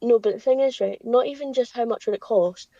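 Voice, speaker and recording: A woman's voice: on the high side, warm tone, dry recording. Chatty young woman, dull dry sound. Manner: chatty, quick, trails off with "like". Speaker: podcast co-host. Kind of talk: casual chat. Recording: dry, dull home podcast audio.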